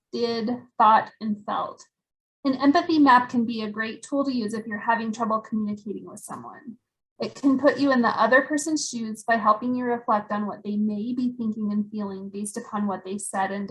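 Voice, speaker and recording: A woman with a somewhat high voice presents prepared training material. Her delivery is steady and explanatory, like a scripted presentation. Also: poor audio. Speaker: workshop presenter.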